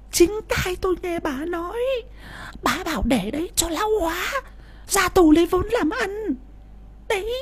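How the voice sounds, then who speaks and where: A man voicing a shrill, greedy, scolding wife in an audiobook story. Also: exaggerated voice. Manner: shrill, sharp, nagging. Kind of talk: audiobook character voice.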